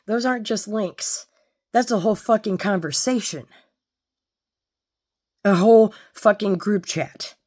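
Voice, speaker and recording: A woman giving a candid personal monologue in a blunt, sweary way, often halting as she searches for words. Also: medium pitch, darkish tone. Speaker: personal storyteller.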